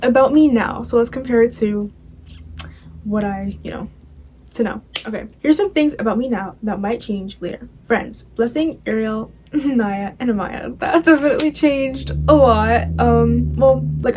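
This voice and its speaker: A teenage girl with a fairly high voice reads from her old diary, embarrassed and giggly, breaking off for casual asides. There is some noise behind her. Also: moderate pace, darkish tone. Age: teens. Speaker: vlogger.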